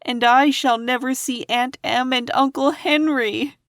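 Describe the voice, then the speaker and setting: A reader voicing a gentle, worried young girl in a high, plaintive voice. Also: expressive, moderate pace, no echo, clean studio sound, lightly acted. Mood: sad.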